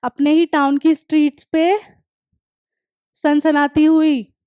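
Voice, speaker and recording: A young woman with a high, warm voice and little pitch movement teaches an English lesson in a clean studio recording with no room sound. She reads textbook lines slowly in English, then explains them in Hindi, repeating words to drill pronunciation, like a classroom lecture on a textbook chapter.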